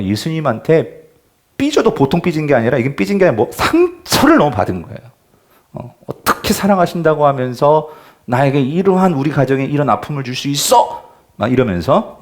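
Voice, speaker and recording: Animated male pastor quizzing his flock. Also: mid-range voice. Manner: keeps asking the congregation questions; swings between loud emphasis and near-whispers. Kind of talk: evening revival sermon. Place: church sanctuary.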